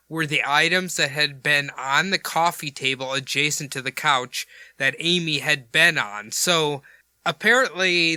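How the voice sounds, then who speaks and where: A man hosting a podcast who retells a case in a loose, rambling, jokey way. His voice is a little higher than average and piercingly bright. The sound is crisp and bone-dry. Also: no room sound. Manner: rambling and jokey, with crude asides. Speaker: podcast host.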